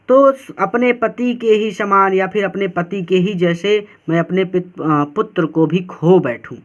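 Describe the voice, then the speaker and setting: A man's voice: sits high, lo-fi sound. A male Hindi teacher explaining a poem line by line for exam students, repeating and paraphrasing each phrase and checking in often.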